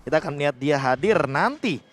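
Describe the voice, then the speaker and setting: A man's voice: a little high, expressive, a little fast. A man with an Indonesian accent analysing an esports match conversationally as co-caster, mixing in English gaming terms.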